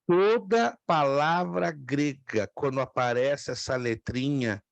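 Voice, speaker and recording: A man's voice: mid-range voice, takes it slowly, vocal fry, dry recording. A man from Brazil teaching a class on biblical Greek, patiently repeating words and asking students questions. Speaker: theology teacher. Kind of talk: classroom lecture.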